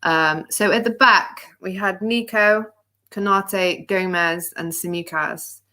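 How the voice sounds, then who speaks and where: A woman's voice: mid-range voice, fairly even intonation, slow, pushed and bright. A woman hosting a casual football discussion panel, chatty, with frequent ums and restarts. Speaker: panel host.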